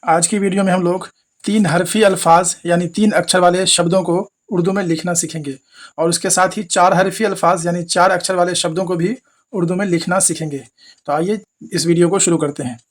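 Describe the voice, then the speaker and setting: A man's voice: high-pitched, fairly even intonation, a little fast. A man teaching Urdu spelling who spells each word out letter by letter, asks his viewers questions and repeats every word.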